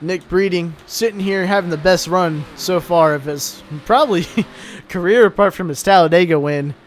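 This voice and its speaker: A young man calls an online truck race in a relaxed, drowsy way. His voice sits a little high. A faint hum of noise runs under the recording. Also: normal speed. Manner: laid-back, tired, yawning between calls. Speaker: race commentator. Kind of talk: casual sim-racing commentary.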